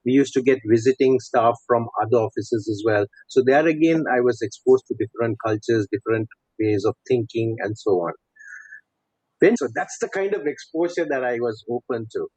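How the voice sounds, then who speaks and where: This middle-aged coach, a podcast guest with a Sri Lankan accent and links to Sri Lanka and Saudi Arabia, shares a personal account in an interview. His mid-range voice is animated, husky, and darkish at a normal speed, recorded dry, dull, and lo-fi.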